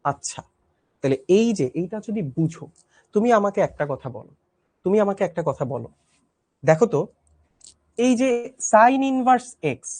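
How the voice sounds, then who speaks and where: Speaking softly in a high-pitched, strained voice, a young man leads a live online math class. He repeats every step patiently and keeps checking that students can follow along.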